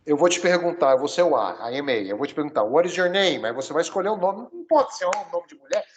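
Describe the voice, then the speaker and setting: A man from Brazil teaching a one-on-one English lesson, coaching his student and spelling words out slowly. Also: on the high side, big pitch swings, a little hiss or hum, rough recording.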